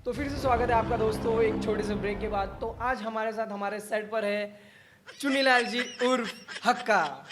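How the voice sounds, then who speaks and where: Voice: medium pitch, moderate pace, background noise, lightly acted. A speaker playing a mock-formal quiz show host in a comedy skit.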